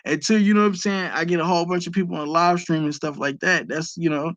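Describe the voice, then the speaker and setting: Speaking fast in a steady, slightly bright tone, a Detroit streamer with a fairly high voice delivers an emphatic, unscripted lecture, taking viewer questions and slipping in profanity. The lo-fi recording is close and dry, with no room sound.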